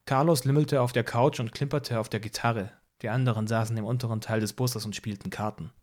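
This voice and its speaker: A man reading a first-person audiobook in a calm, even storytelling manner. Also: medium pitch, fairly quick. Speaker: audiobook reader.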